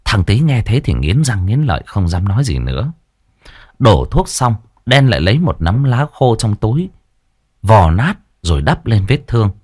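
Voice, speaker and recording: Lively storyteller, man. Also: lowish voice, normal speed, husky. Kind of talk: ghost story narration.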